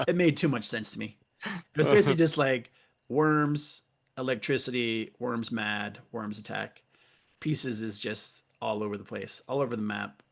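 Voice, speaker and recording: A man's voice: mid-range voice, measured pace, vocal fry. A man hosting a podcast, chatting casually and rambling, laughing often as he acts out lines. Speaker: podcast host. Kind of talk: casual chat.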